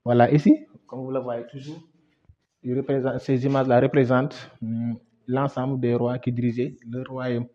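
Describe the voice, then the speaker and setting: A young man from Senegal, a history student, leads a guided museum tour in a medium-pitched, mellow voice with flat delivery and moderate pace. He's hesitant, full of fillers and repeated words, and the recording has a dull lo-fi sound.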